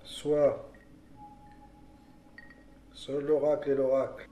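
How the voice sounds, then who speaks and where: A man's voice: medium pitch, completely flat delivery, very slow, warm tone. A man playing a world-weary oracle in an audio drama, speaking cryptic pronouncements in a solemn, prophetic manner. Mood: grave, disdainful. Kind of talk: French audio drama acting. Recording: echoey room, faint background noise.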